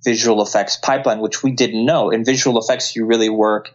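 A Colombian CGI artist and filmmaker, appearing as a guest in a casual interview, speaks earnestly and often restarts his sentences. His voice is lowish and steady in tone, fairly quick, with lo-fi sound.

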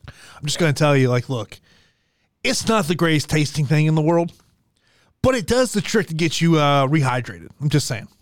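A man in his forties co-hosting a podcast, chatting in a chummy, animated way and often repeating himself. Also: fairly high pitch, moderate pace, no echo, clean studio sound. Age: 40s. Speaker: podcast co-host. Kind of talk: casual sports chat.

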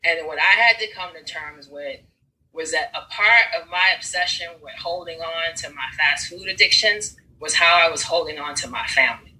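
A woman telling personal stories in casual conversation, animated, acting out scenes and swearing freely. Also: sits low, moderate pace, rough recording. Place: Brooklyn.

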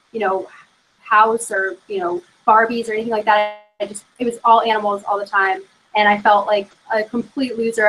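A woman co-hosting a podcast, chatting casually and fast, with lots of "like" and "you know". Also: medium pitch, fairly bright tone, a little hiss or hum, rough recording. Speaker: podcast co-host. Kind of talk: casual chat.

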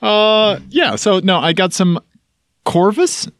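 A man's voice: high-pitched, lively intonation, slow pace, fairly bright tone, dry recording, clean studio sound. Casual podcast man with a Missouri twang. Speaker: podcast host. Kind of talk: casual comedic chat.

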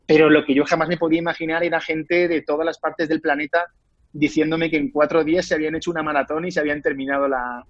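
A man with a Spanish accent from Spain, an actor being interviewed, talking in an animated, rambling way with many restarts. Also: fairly high pitch, quick pace, no room sound, highs cut off. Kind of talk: casual interview conversation.

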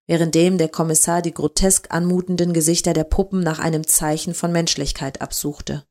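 Woman narrating a story, lower voice. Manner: calm, measured reading. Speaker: story reader.

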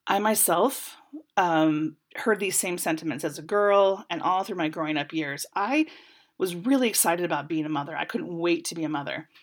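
A woman's voice: lowish voice, moderate pace. A woman in her forties, talking candidly and reflectively with some wry humor, slightly congested from a lingering cold. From United States. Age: 40s. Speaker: podcast panelist. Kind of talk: personal reflection.

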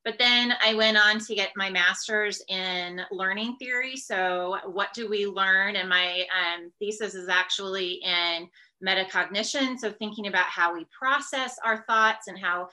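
A woman appears as a guest educator in an interview, explaining things conversationally and frequently checking in with the listener. Her medium-pitched voice is bright and forward, and the recording is rough.

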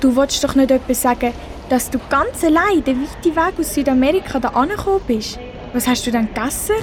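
In a radio play, a female amateur performs a kind, decisive mother with a curious mood. Her high voice carries a Swiss German accent and is expressive and a little fast, with faint noise in the background.

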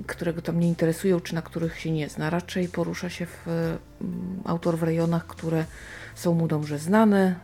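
A book reviewer from Silesia, Poland, offers casual, unscripted commentary. Her mellow, low-leaning voice carries a lot of gravelly creak, and she thinks aloud, hesitating and drawing out her pauses.

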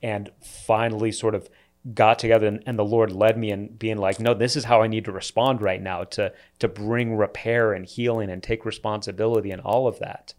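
A man's voice: on the low side, little pitch movement, fairly quick. Earnest male pastor talking things through. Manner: earnest, reflective, frequent restarts. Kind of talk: casual podcast discussion.

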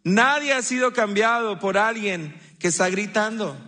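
A man's voice: sits high, measured pace, sharp tone. A man preaching a sermon as a pastor, mixing humor with teaching and acting out the lines people say. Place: church hall. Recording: live church hall reverb.

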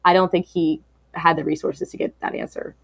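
A woman's voice: on the low side, level tone, a little fast, creaky, breathy edge, no echo, clean studio sound. A woman speaking as an interview guest, talking candidly and reflectively, with many fillers and restarts.

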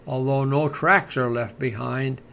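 A man reading scripted podcast narration in a measured, formal manner, like a nature documentary narrator. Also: medium pitch, steady tone, vocal fry, fairly bright tone, a little hiss or hum. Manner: measured, formal read-aloud delivery.

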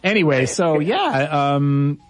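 Male radio host, joking and casual, with a lively mid-range voice. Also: fairly high pitch, slow pace. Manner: joking, laughing, playful. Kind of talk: casual on-air banter and ad reads.

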